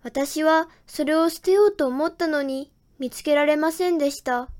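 A woman's voice: sits high, normal speed, a little mellow. A woman reading a children's story aloud in the first person, in a plain storytelling manner. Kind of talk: scripted children's story narration.

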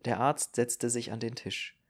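A man giving measured, scripted narration of a novel as an audiobook reader. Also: mid-range voice, steady tone.

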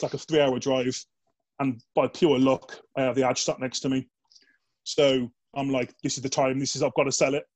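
A man's voice: medium pitch, a little mellow. A man with a mid-range voice tells army stories in an easygoing interview. His talk is blokey and loose, full of "like" and casual swearing. He keeps slipping into the voices of the people he is quoting. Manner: chatty and blokey, peppered with "like" and swearing, acts out quoted dialogue. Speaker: guest, former soldier. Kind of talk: casual anecdote telling in a podcast interview.

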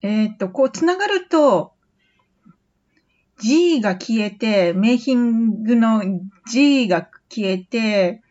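A woman hosting a podcast English lesson, patiently repeating phrases slowly for practice. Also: fairly high pitch, animated, darkish tone, muffled recording. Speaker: English teacher.

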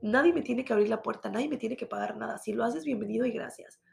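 Gravelly-voiced Mexican woman in her thirties. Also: a little high, quick pace, a little mellow. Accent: Mexican Spanish. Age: 30s. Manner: blunt and profane, mocks her own past self. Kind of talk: casual confessional monologue.

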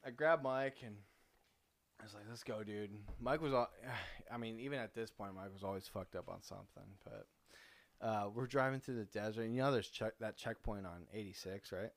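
A man's voice: on the low side, moderate pace, no echo. A man co-hosting a podcast, telling road-trip stories in a loose, profane, laid-back way with lots of restarts. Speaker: podcast co-host. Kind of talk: casual chat, swapping road-trip stories.

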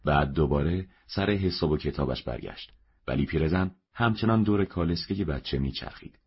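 Very deep husky male narrator. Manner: steady measured reading. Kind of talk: audiobook narration. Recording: dull lo-fi recording.

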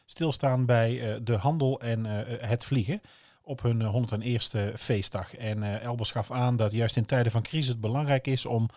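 A man's voice: mid-range voice, steady tone, moderate pace, a little mellow, no echo. Brabant-accented man co-hosting, close dry sound. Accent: Brabant Dutch. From Brabant, southern Netherlands. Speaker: podcast co-host. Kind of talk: casual podcast chat.

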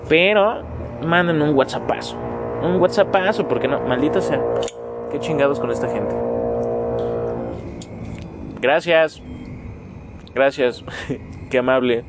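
A man's voice: medium pitch, animated, normal speed, background noise. A nineteen-year-old man with a Mexican Spanish accent hosting a casual solo podcast, rambling, self-mocking and swearing freely as he talks straight to his listeners. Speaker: podcast host.

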